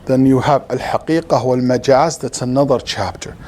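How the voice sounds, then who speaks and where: A man with an Arabic accent leads an interactive religious lesson as an Islamic lecturer, explaining things step by step and asking questions to check that students follow. His voice is mid-range and somewhat dark, at a moderate pace. The live class at an Islamic center is recorded with clearly audible room noise.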